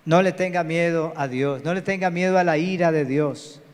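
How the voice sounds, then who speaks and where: A man's voice: on the high side, normal speed, clean tone. A man preaching a live church sermon as pastor, calling on the congregation to say amen. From Colombia. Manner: preachy, calls out to the congregation for amens. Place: large church hall. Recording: reverberant church hall.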